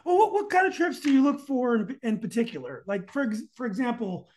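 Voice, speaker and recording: A man's voice: very high voice, very animated, fairly quick, a little mellow. A man hosting a casual podcast interview, hesitant and often searching for his words.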